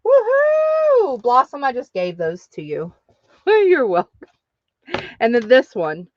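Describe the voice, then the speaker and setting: Slow-talking, laughing woman live-sale host. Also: fairly low pitch, sing-song, no room sound, highs cut off. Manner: chatty, laughs often, cheers "woohoo". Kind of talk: casual live-stream selling chat.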